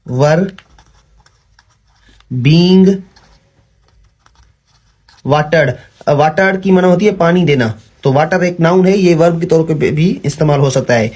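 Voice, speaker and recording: A young man teaching English grammar in a patient classroom style, often pausing with fillers and correcting himself. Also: on the high side, a little mellow, breathy edge. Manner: patient, repeats "ठीक है", frequent fillers and self-corrections.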